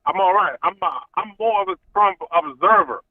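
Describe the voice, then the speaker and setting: A man in his thirties calling in to a show through a muffled Bluetooth headset, talking haltingly with many fillers. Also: high-pitched, dry recording. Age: 30s. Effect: muffled Bluetooth headset over a phone line. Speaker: caller. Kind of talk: call-in conversation. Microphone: Bluetooth headset through a phone call. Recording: tinny phone-line call audio.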